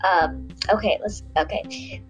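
A woman's voice: medium pitch, slow pace, soft background music. A young woman telling a personal story on her podcast, rambling with many filler words. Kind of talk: casual storytelling.

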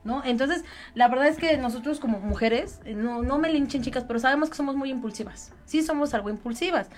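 A woman's voice: high-pitched, fairly quick. A woman co-hosting a casual radio chat show, laughing often and turning to her listeners with questions. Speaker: radio co-host.

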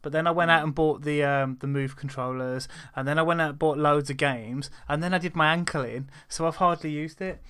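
Smooth-voiced British man telling anecdotes. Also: on the high side, fairly even intonation, brisk, hardly any pauses, a bit bright. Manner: anecdotal, repeats "literally". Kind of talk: casual chat about video games.

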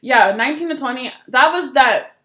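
A woman's voice: high-pitched, animated, moderate pace, sharp tone. A woman of twenty-two co-hosting a podcast, rambling in casual chat full of "like" and laughter. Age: early 20s. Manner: rambling, filler-heavy, laughing. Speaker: podcast co-host.

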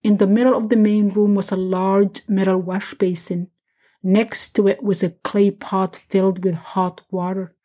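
A woman hosting a podcast, reading a scripted family story in a measured, gentle way. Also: medium pitch, flat delivery.

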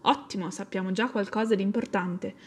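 A woman's voice: medium pitch, steady tone, fairly quick, slightly rough, lightly acted. A woman voicing a bookish male cat who explains things in a murmuring, studious way.

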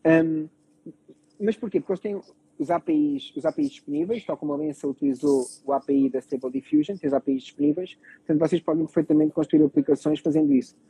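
A man's voice: fairly high pitch, fast talker, warm tone, slightly rough, no echo, rough recording. A man with a European Portuguese accent explaining things in a casual discussion, often repeating phrases and checking that listeners follow. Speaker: panelist explaining technology.

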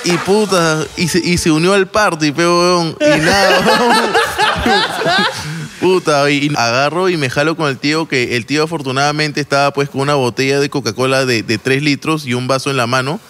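A man's voice: on the high side, normal speed, a bit bright, a little hiss or hum. A man with a Lima Peruvian accent telling a long, rambling story in casual chat, full of slang, swearing and restarts. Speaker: podcast storyteller.

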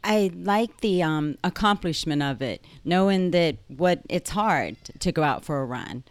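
A woman in her sixties with a Southern US accent, a guest in a studio podcast interview, answering hesitantly with many pauses and fillers. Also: on the low side, lively intonation, no room sound. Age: 60s. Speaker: guest, masters runner.

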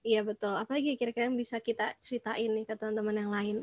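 A woman's voice: fairly high pitch, fairly even intonation, rapid-fire, a little mellow, no echo, highs cut off. A teenage young woman, chatting in an informal, agreeable way as a podcast co-host. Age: teens. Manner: agreeable, informal, slang with English fillers. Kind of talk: casual podcast chat.

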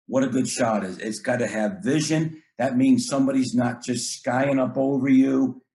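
A man's voice: medium pitch, normal speed, dark tone. A middle-aged man, a basketball coach, talking earnestly in casual chat, often repeating words and acting out what he tells his players.

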